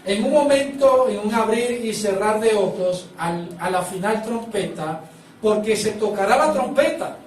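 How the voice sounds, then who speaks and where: A man's voice: high-pitched, lively intonation, measured pace, a little mellow, reverberant, distant mic, slight background noise, poor audio. A man preaching a sermon as pastor, prompting the congregation to repeat phrases back to him.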